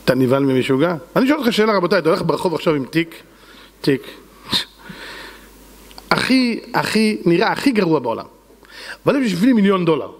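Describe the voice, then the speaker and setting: A man's voice: high voice, very animated, pauses often, big-room sound. A man preaching a sermon as a rabbi, fervent and dramatic, acting out the voices he quotes.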